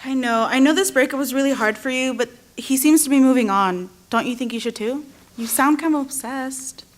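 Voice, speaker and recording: Casting: young woman as a caring, candid friend, slightly high voice. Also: fairly quick, close to an everyday voice. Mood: reassuring. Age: young adult. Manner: gentle, frank, reassuring. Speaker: student acting in a skit.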